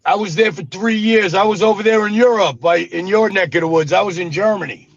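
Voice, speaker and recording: A former gangster in his 50s from Brooklyn talks through his life as an interview guest, fairly quickly and street-style, saying "brother" and "you know what I mean." His high-sitting voice carries vocal fry, in a dull, dry lo-fi recording.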